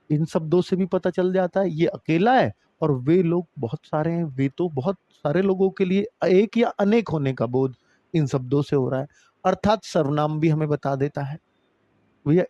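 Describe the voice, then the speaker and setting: A man teaching a grammar lesson. He talks to his students as kids and keeps swinging between emphatic high phrases and low, drawn-out ones. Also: a little mellow, no room sound, highs cut off. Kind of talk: online exam-prep grammar lesson.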